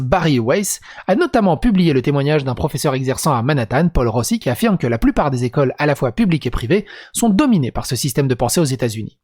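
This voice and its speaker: A man's voice: on the high side, darkish tone. Guy reading his script then going off on crude sarcastic rants, youtube commentary. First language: French. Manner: crude, sarcastic asides between read passages. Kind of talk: scripted reading mixed with asides.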